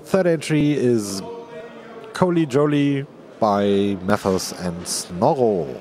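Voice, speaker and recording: A man's voice: fairly low pitch, lively intonation, slow. Man announcing through fuzzy distorted audio. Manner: reads out entries in short announcements. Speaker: competition announcer. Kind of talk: live event announcing. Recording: distorted live stream with loud crowd. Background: loud crowd.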